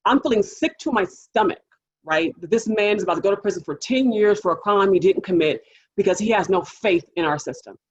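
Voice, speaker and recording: A woman public defender telling a courtroom story to a panel audience, lively and animated, acting out the people she quotes. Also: medium pitch, a little fast, husky, highs cut off.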